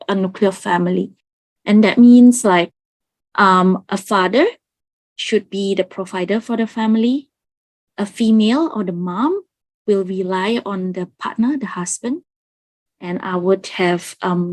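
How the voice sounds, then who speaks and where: A woman's voice: medium pitch, a little mellow, no echo. A woman from Indonesia who is an expedition member, telling a personal story in a hesitant way with many fillers. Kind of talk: personal account.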